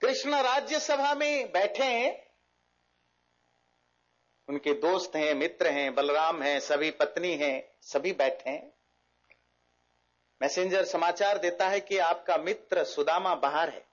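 A man giving a storytelling talk about friendship, animated and mixing English words into his speech. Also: fairly high pitch, slow, pauses often. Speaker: spiritual speaker. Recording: dull lo-fi recording.

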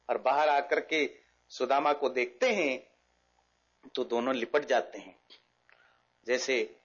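A man with a high voice retells old epic tales, animated and mixing in English words. The recording is dull and lo-fi. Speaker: spiritual speaker. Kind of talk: storytelling talk.

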